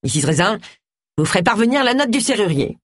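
A woman's voice: medium pitch, very animated, a little fast, breathy edge, no echo, studio quality, pitched above the performer's own voice. A woman voicing a short-tempered middle-aged vicar who bellows in irritation. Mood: curt.

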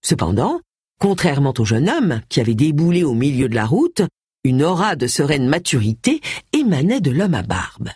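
An audiobook narrator reading a mystery novel in an expressive, varied manner. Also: medium pitch, moderate pace, slightly rough, no echo, studio quality. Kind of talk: scripted narration.

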